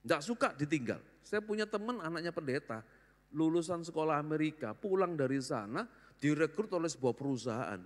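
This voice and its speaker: An older man preaching a sermon, lively and jokey, acting out the voices of people he quotes. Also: on the high side, brisk. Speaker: pastor. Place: large church hall. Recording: long hall reverb.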